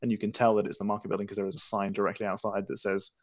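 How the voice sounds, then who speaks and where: A man's voice: fairly low pitch, level tone, racing, no echo. Casting: male game master narrating a tabletop session, informal and self-deprecating, conversational delivery.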